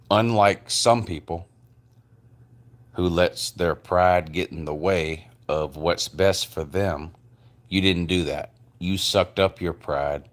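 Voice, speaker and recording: Deep-voiced man with slow, slurred, drunken speech. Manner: halting, repetitive, drawn-out delivery. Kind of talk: rambling personal rant addressed to one person.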